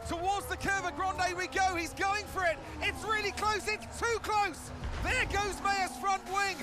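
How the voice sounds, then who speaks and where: A keen, critical race commentator in a game, his voice pitched very high. Loud music and roaring cars run behind the commentary. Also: fairly even intonation, a little slow. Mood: tense. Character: keen, critical television motor racing commentator. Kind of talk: sports commentary.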